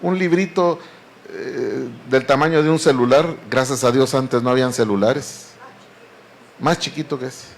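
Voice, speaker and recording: A man's voice: medium pitch, a little slow, vocal fry, slight background noise. A man preaching a sermon, earnestly and often addressing the congregation as beloved brethren.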